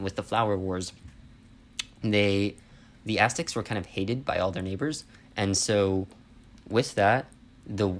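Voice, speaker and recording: A man's voice: on the low side, slight background noise. A man giving an informal history lesson as an instructor, explaining things conversationally and often checking in with listeners.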